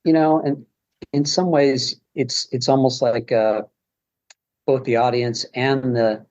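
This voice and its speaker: A man's voice: medium pitch, steady tone, slow, darkish tone, dull audio. A man speaking as a podcast guest, rambling casually with many restarts. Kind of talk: casual conversation.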